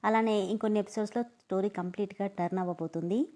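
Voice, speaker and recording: A woman's voice: medium pitch, steady tone, quick pace, dark tone. A woman narrating audio stories, talking chattily and apologetically to her listeners before reading an episode. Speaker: story narrator.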